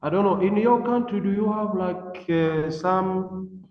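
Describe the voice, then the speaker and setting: A man, a psychiatrist and dermatologist, talking on a video call in a halting way, with many restarts and fillers. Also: high-pitched. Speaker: psychiatrist and dermatologist, webinar speaker. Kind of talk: unscripted talk on a video call. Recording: muffled, roomy, long echo.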